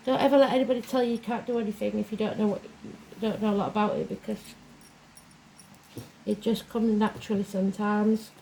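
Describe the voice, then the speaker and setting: A woman hosting a weekly zodiac series gives an informal, rambling horoscope reading in a plain-spoken way. Her mid-range voice is fast, flat, and dark-toned, and the poor-quality audio carries a clearly audible whirring fan.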